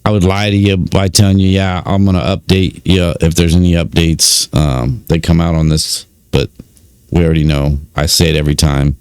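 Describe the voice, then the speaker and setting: A man's voice: sits low, little pitch movement, moderate pace, darkish tone, clean tone, no echo. A man giving casual commentary, reading out records with many fillers and informal asides. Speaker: YouTube commentator on prison news.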